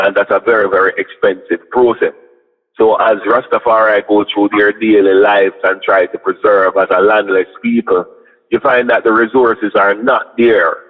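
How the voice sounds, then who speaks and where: A man with a Jamaican accent speaking in Rasta manner, reasoning reflectively and with measured pauses in an interview. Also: fairly low pitch, phone-quality sound. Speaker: interview guest, Rastafari community member. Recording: band-limited radio-like sound with long reverb.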